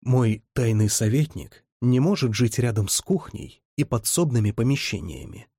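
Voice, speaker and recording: A man reading the lines of a guarded young male ruler with dry humor, in a low, terse delivery. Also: lively intonation, moderate pace, warm tone, husky, no echo. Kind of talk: audiobook character reading.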